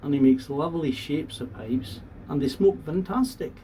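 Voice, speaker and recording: A man from the talks to viewers in a casual, unhurried, plain-spoken and earnest monologue. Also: a little high, dark tone. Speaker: vlogger. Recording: distant mic, faint background noise.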